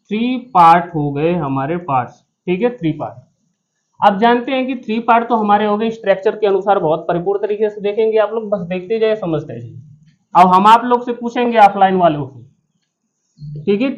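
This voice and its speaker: A man's voice: sits high, muffled recording. Male teacher drilling a class. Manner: repetitive question-and-answer drilling; joking asides to students. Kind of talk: classroom grammar lesson. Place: classroom with students present.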